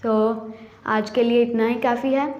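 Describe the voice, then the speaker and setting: A woman's voice: fairly high pitch, steady tone, a little slow, darkish tone, roomy sound, dull audio. A woman teaching young children English phonics in Hindi, saying each word over and over and stretching out its vowel sounds. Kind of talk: phonics lesson for kids.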